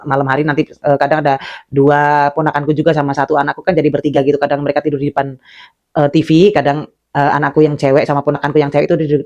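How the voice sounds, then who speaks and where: A woman's voice: low-pitched, a little mellow, lo-fi sound. A middle-aged woman from Indonesia telling a personal horror story in a chatty way, filling it with fillers and calling her listeners "guys".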